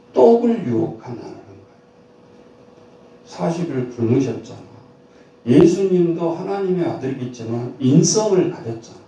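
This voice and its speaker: Slow, emphatic man preaching in a church. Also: mid-range voice, mellow, lo-fi sound. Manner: emphatic preaching, asks the congregation questions. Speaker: pastor. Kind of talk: sermon. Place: church sanctuary. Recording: echoey church hall from far off.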